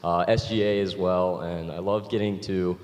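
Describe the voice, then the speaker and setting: A young man from Florida, a business student, introducing himself in a relaxed, hesitant way. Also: deep voice, normal speed. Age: young adult. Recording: hissy hall.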